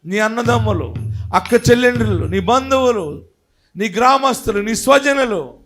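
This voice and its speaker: Fervent high-voiced preacher with soft music. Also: male voice. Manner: fervent preaching that swings between loud shouting and soft pleading; leads the congregation in prayer, speaking lines for them to repeat. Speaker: pastor. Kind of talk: impassioned sermon and prayer.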